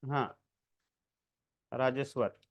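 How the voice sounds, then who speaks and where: A man's voice: medium pitch, steady tone, very slow. A man giving a casual screen-recorded coding lesson, talking the viewer through each step and checking in often. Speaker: programming tutor.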